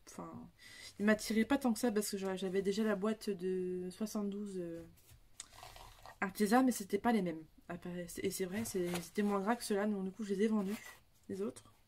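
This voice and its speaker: A woman's voice: mid-range voice, a little mellow. Rambling woman vlogger. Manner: rambling, many fillers and restarts. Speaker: coloring hobby vlogger. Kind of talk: casual chat showing supplies.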